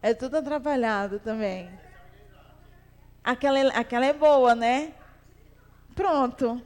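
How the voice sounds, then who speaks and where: A woman's voice: fairly high pitch, unhurried. A woman pastor teaching a Sunday school Bible class in a conversational way, asking the class questions and repeating her phrases. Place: church hall. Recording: long hall reverb.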